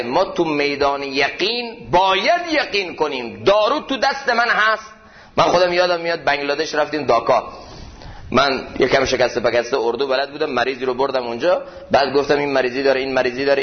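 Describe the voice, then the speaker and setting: A man giving a sermon in a mosque, telling anecdotes and slowing down to stress his points. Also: a little high, lively intonation. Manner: storytelling, slows down to stress points. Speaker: preacher teaching classical poetry. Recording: dull lo-fi recording.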